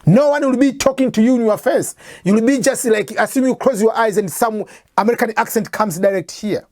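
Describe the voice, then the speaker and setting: Her voice is a little high, a little fast and mellow, in a dry recording. She is an East African English test-prep teacher, a native Swahili speaker with an East African accent, giving a casual lecture and restating points with examples.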